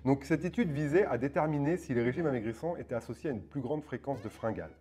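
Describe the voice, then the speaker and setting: A man's voice: medium pitch, fast talker, warm tone, slightly rough, soft background music. A man in his forties hosting a fitness video channel, talking casually and hesitantly, with many fillers and restarts and a habit of checking in with his viewers. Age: 40s. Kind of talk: casual explanatory video talk.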